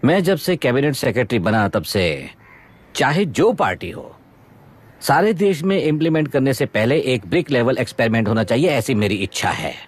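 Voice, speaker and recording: A man's voice: mid-range voice, big pitch swings, normal speed, slightly rough. An actor dubbing a stern, authoritative senior male cabinet secretary in a Hindi film. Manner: lecturing, authoritative.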